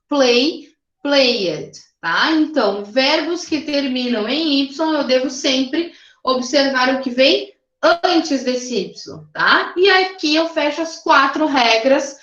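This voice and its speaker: A woman's voice: sits high, a bit bright, highs cut off. Patient woman teaching grammar, roomy sound. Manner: patient step-by-step explaining, with frequent check-ins like "né?" and "ok?". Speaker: English teacher. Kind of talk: recorded remote grammar lesson.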